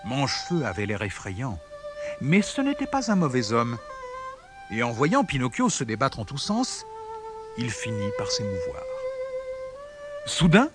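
A man reading a children's storybook aloud as narrator, in an expressive, animated way. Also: mid-range voice, normal speed, over music.

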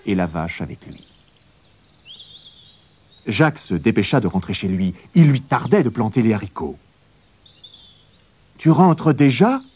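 A man narrating a fairy tale as a storybook reading, with a very expressive, swooping delivery. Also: lowish voice, moderate pace, pauses often, slightly rough.

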